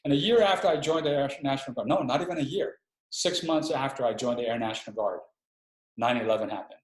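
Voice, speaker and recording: A man's voice: mid-range voice, fast. Middle-aged man, army chaplain, hesitant reflective speech, echoey room over a video call. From Hawaii. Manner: reflective, hesitant, restarts often. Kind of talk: conversational webinar interview. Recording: roomy echo.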